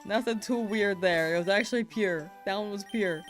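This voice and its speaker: A young woman hunting in a game chats with her live-stream viewers in a medium-pitched voice at a moderate pace. Soft music plays as she casually reads their messages, laid-back and giggling.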